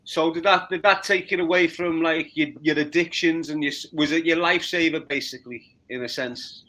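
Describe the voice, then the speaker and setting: A man in his forties with a Liverpool accent, interviewing a guest with halting, repeated words. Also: a little high, fairly even intonation, bright, forceful tone. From Liverpool, England. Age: 40s. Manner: repeats words, stumbles into questions. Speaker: podcast interviewer. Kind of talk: casual interview.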